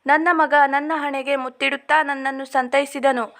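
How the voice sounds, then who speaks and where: High, flat-voiced woman storyteller. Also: normal speed. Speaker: story narrator. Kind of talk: first-person storybook narration.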